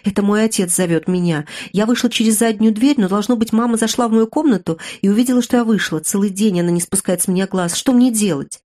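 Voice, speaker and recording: A woman's voice: mid-range voice, fast talker, hardly any pauses, mellow, natural voice. A woman voicing a desperate, lovesick young woman of about twenty in an audiobook, pleading and emotional. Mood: anxious.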